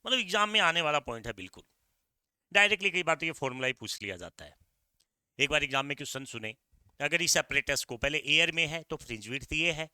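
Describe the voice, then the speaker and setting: A middle-aged man with an Indian accent teaching an exam-prep physics lecture, energetic and repeating key points while coaxing his students. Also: on the high side, fast talker, clear, resonant tone, no echo, clean studio sound.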